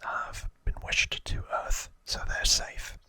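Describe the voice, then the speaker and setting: A male ASMR host whispers slowly and without voicing into a close microphone, giving an informal recap with a bright, forceful tone. He is hesitant and rambling, correcting himself along the way. The recording has no echo.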